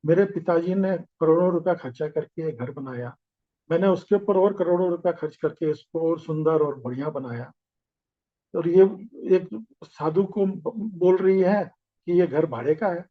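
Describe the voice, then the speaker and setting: A man's voice: on the high side, moderate pace, natural voice. A man voicing an angry, wealthy older father-in-law who scolds indignantly, on a slightly dull recording.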